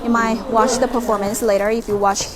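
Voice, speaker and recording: A woman hosting a casual live stream from a horse stable, chatting excitedly and cooing at the horses. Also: fairly high pitch, a little fast, over a noisy crowd. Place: horse stable with animals nearby. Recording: loud background noise from the stable.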